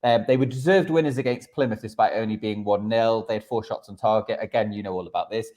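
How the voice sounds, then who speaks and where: A man's voice: lowish voice, quick pace, darkish tone. A man presenting football betting tips and analysis on a podcast in a conversational style, sometimes hesitant and repeating his words. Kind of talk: conversational sports tipping and analysis.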